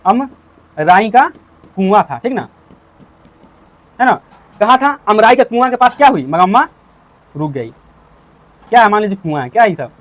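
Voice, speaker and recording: A man's voice: high voice, animated, brisk, long pauses, a bit bright. A man teaching a story to students, asking and answering his own questions and repeating points.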